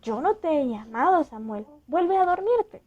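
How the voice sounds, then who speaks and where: Woman doing a gentle, confused old priest. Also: sits high, very animated, measured pace, lo-fi sound.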